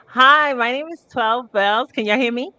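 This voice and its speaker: A woman's voice: on the high side, normal speed, no room sound. Cheerful woman in her forties. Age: 40s. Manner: cheerful, excited. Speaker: panel guest. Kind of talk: casual self-introduction. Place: online group voice call.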